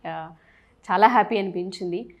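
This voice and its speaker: A woman's voice: medium pitch, moderate pace. A woman hosting an interview, asking her guest questions respectfully and mixing in English words. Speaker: interviewer host.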